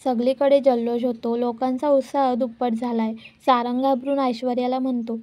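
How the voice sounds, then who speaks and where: A woman narrates a soap-opera episode in a high, mellow voice. Her telling is dramatic and scripted, and she keeps turning to address her viewers. The tone stays rounded and gentle, never sharp. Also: flat delivery, normal speed. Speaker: serial episode reviewer.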